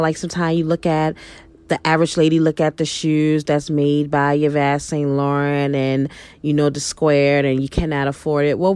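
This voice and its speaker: Low-voiced upbeat woman from Baltimore. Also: a little mellow, no room sound. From Baltimore, Maryland, USA. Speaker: guest, shoe stylist and business founder. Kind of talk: podcast interview.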